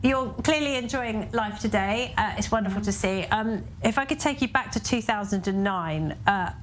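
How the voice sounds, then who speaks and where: A woman conducts a broadcast-style interview in a mid-range voice. She sounds polite and sympathetic as she puts her questions. Background noise is clearly present. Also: mid-range voice, moderate pace, low-quality recording.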